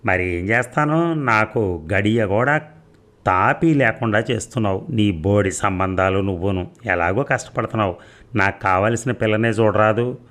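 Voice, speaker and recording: A man's voice: fairly low pitch, moderate pace, a bit bright, lightly acted. A man voicing an impatient young grandson who bickers and teases sarcastically. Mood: exasperated.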